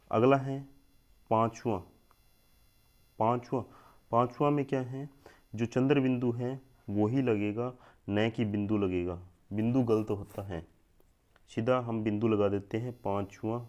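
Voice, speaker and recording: A man's voice: medium pitch, darkish tone. A young man teaching a spelling lesson for an exam, going through words one by one, repeating each word and often checking in with his listeners. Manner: explains word by word, repeats each word several times, often says "thik hai doston". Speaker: Hindi grammar teacher.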